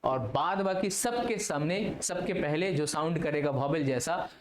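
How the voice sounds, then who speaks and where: A man with a somewhat high voice speaks at an ordinary speed while teaching English grammar on video, switching between Hindi and English and answering his own questions. The room echoes, and a faint hiss sits in the background.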